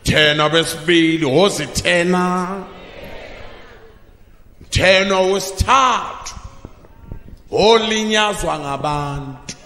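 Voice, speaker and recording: Guy preaching at a pulpit mic, high bright voice, shouts then goes quiet, lots of hall echo. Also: takes it slowly, long pauses. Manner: bursts into shouted emphasis, then drops low. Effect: preaching through a pulpit microphone. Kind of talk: sermon. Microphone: pulpit microphone. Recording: long reverb of a large hall.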